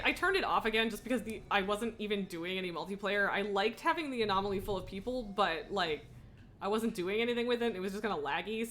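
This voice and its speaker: Bright-voiced, rambling woman streamer. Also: mid-range voice. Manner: rambling, thinking aloud, jumping between thoughts; self-mocking, giggly, informal. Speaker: video game streamer, host. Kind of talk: casual gameplay livestream chat.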